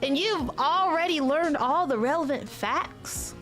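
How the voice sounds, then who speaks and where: A woman's voice: sits high, expressive, measured pace, a bit bright. A woman voicing a pompous older male lawyer from a video game, in a fussy, self-important manner, with music behind her.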